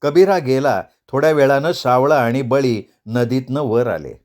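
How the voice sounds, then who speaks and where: Male storyteller, scripted audiobook narration, dramatic delivery, mid-pitched voice. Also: unhurried, darkish tone.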